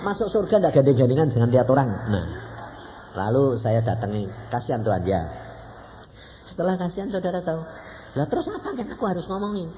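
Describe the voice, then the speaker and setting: An evangelist preacher around 80, from Central Java, Indonesia, with a Javanese accent, delivers a fast, lively sermon with anecdotes. He often asks the congregation questions and acts out dialogue. The low-fidelity recording is dull, with faint noise.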